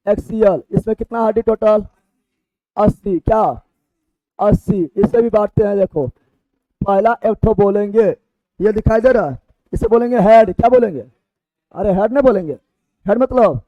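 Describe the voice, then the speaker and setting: A man's voice: high-pitched, no room sound. A man teaching a lesson, speaking with a tinge and drilling terms over and over by question and answer. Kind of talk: call-and-response classroom lesson. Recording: dry, dull lo-fi recording.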